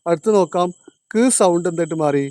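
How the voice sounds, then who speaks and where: A man teaches a classroom lesson in a high voice. He quizzes his students and repeats each point, slowing down on the key terms. The sound is dry, with no echo. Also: dark tone. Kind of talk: classroom lecture.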